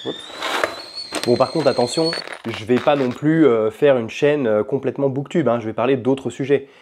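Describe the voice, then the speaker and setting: A man chatting casually at home in a vlog about language learning, talking in a relaxed, rambling way with frequent hesitations. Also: medium pitch, moderate pace, background noise. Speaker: language-learning vlogger and podcaster. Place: at home in his apartment.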